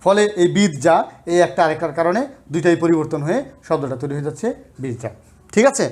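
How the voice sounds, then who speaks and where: A man with a high, light voice teaches a grammar lesson. He explains patiently, step by step, and keeps asking his students rhetorical questions. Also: quick pace, a little mellow. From Bangladesh. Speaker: college lecturer.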